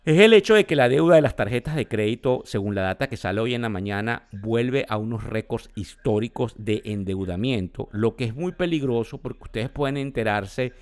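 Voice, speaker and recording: A man's voice: medium pitch, expressive, moderate pace, few pauses. Venezuelan man giving market commentary. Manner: explanatory, addresses listeners directly, defines terms. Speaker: market news host.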